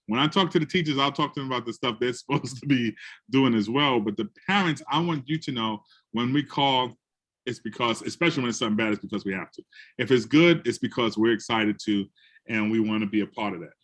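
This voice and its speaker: Animated New man telling stories. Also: medium pitch, fast. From the Bronx, New York. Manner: animated, acts out quotes in other voices. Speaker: educator and guest speaker. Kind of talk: storytelling in a conversation.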